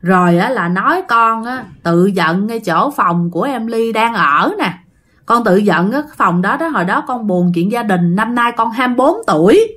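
A woman's voice: mid-range voice, lively intonation, moderate pace, a bit bright. A woman with a Southern Vietnamese accent telling a ghost story in a chatty, casual way and talking straight to her listeners. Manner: chatty, addresses listeners directly.

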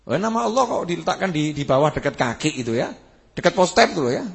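A man preaching a sermon, animated, building to emphatic peaks and asking his listeners questions. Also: fairly high pitch, fast. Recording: husky voice with long hall reverb.

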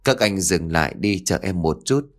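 A man voicing a calm young exorcist who reassures the police in an audio story. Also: sits low, normal speed.

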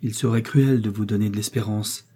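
A man voicing a grave, compassionate country doctor in a storybook reading, speaking in a measured, gentle way. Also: fairly low pitch, fairly even intonation, husky.

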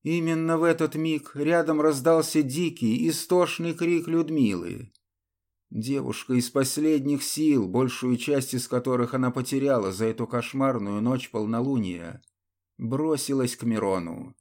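A man's voice: mid-range voice, darkish tone. A man narrating an audiobook in a dramatic, theatrical reading style. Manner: slow, deliberate, theatrical reading.

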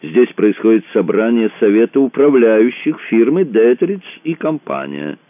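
A man's voice: medium pitch, sing-song, a little slow, no room sound, pitched above the performer's own voice. A man playing a jovial, mocking big chairman. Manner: cheerful, mocking. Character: huge jovial male chairman of a board. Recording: tinny phone-like dry sound.

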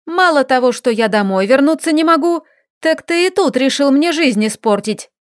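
A woman's voice: sits high, very animated, takes it slowly, no room sound, clean studio sound, voice pushed up, full character voice. Woman voicing a furious, indignant young woman. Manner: shouting accusations, indignant. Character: furious young woman scolding her lover.

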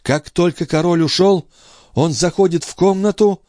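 A man's voice: high-pitched, moderate pace, mellow, no room sound, studio quality, pitched above the performer's own voice, lightly acted. A man putting on a terrified young noblewoman in a trance. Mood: entranced. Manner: breathless, pleading, cries out. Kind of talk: audiobook reading.

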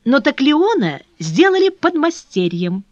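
A woman's voice: high voice, measured pace, no echo, pitched above the performer's own voice. A woman voicing an eager, breathless young flower girl. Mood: excited. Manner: excited, pleading, breathless exclamations. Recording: dull dry lo-fi recording.

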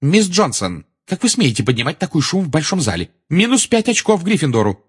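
A man's voice: medium pitch, sing-song, normal speed, slightly rough, voice pushed up. A man voicing a stern older female professor who speaks in a strict, clipped and acerbic way in an audiobook. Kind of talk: audiobook character voice.

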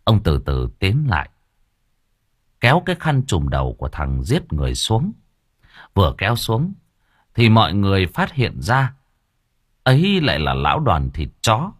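Lively, husky male storyteller. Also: on the low side, normal speed, long pauses, dry recording. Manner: lively, expressive reading. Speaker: narrator. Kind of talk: storytelling audiobook narration.

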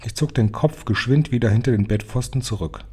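Guy reading a kids story out loud, mellow and kinda husky. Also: mid-range voice, brisk. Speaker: reader. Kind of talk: storybook read-aloud.

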